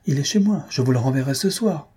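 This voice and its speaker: A flustered young suitor dodges blame and makes hasty excuses, as a narrator puts him on. The pitch sits lifted above the reader's own, with a husky, dark tone. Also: male voice, lively intonation, fairly quick. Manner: flustered, evasive.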